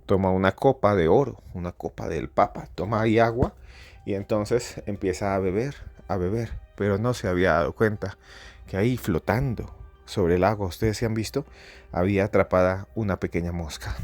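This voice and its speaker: Low-voiced man telling a dramatic tale. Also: normal speed, soft background music. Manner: theatrical, repetitive build-ups, rises to near-shouting in climaxes. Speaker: podcast host. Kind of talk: dramatic storytelling narration.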